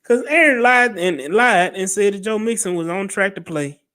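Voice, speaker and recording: A man with a Texan accent co-hosting a sports podcast, animated and quick to laugh, breaking in to read listener comments. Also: high voice. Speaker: podcast co-host. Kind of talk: casual sports talk.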